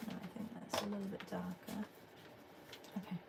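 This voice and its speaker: Heavy background noise surrounds a middle-aged Englishwoman hosting an art livestream, whose voice is medium-pitched and gravelly at a normal speed. Relaxed and chatty, she draws, reads chat messages aloud, and thinks out loud using fillers.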